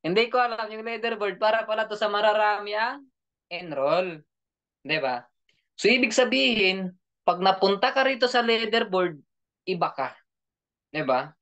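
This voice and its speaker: A man's voice: high-pitched, expressive, moderate pace, pauses often, a bit bright. Joking male coach, dull lo-fi audio. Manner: joking, laughs often, keeps asking the audience. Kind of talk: online training session.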